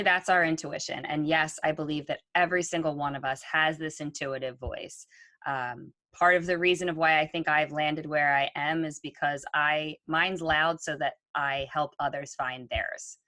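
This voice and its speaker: Her low voice has a sharp tone, and there is no room sound. She co-hosts a podcast, speaking conversationally in an earnest, reflective way with frequent ums.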